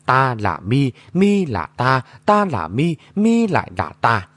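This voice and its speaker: A man voicing a mysterious shape-shifting mimic who taunts in a shrill, mocking voice. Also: wildly swooping pitch, slow pace, fairly bright tone, no echo, heavily acted. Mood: mocking taunting.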